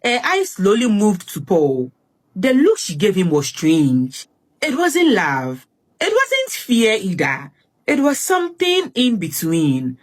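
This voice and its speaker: Sex: woman. Role: narrator. Style: dramatic first-person story narration. Delivery: slow, lively in pitch, fairly low voice.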